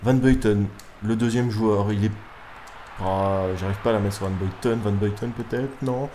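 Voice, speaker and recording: A young man commentates his own football video game match live, excitable and quick to swear at his players. His voice sits low, with a faint hum of room noise underneath. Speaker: gaming YouTuber. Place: room at home at night.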